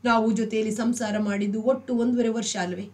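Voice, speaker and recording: A woman's voice: on the high side, flat delivery, fairly quick, darkish tone, lightly acted. A woman reading a novel aloud, voicing a shy young widow who speaks hesitantly and earnestly.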